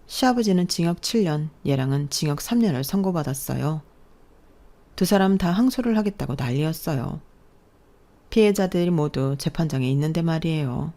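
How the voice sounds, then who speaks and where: A woman narrating a scripted story in the first person, calm, with a cutting edge in her confrontation lines. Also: low voice, normal speed.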